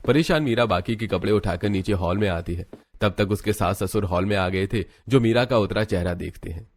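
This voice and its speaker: A man narrating a cartoon story in a steady, plain storytelling manner. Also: lowish voice, fairly quick.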